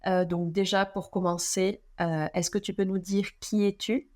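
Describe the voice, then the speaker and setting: A woman's voice: mid-range voice, little pitch movement, unhurried, darkish tone. A woman hosting a podcast, asking long, rambling questions with frequent hesitations. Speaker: podcast host. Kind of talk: conversational interview questions.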